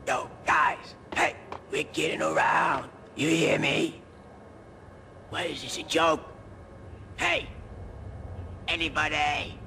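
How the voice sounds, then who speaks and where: Brash mobster, slow, gravelly and sharp, heard from afar in game audio. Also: male voice, on the high side, steady tone, heavily acted. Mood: impatient. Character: brash male Italian-American mobster. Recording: distant game audio, light noise.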